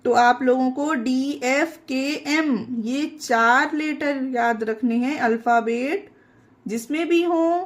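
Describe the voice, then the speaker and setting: Woman, pronunciation lesson, slow paced, high voice, letter-by-letter spelling. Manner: spells words letter by letter and repeats them; addresses viewers as friends. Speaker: English pronunciation teacher.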